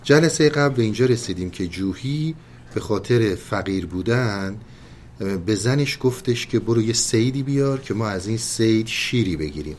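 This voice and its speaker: A man with a fairly low voice gives a calm, unhurried lesson on mystical poetry, retelling tales and reciting verses. He speaks to his listeners with polite, measured care. A faint hiss sits under the recording.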